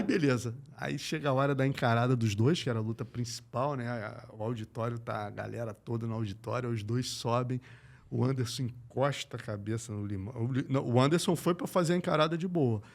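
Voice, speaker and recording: A man from Brazil, an MMA journalist, telling stories in a lively, slangy way on a casual podcast. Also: mid-range voice, brisk, gravelly. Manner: animated, slangy, acts out quoted voices.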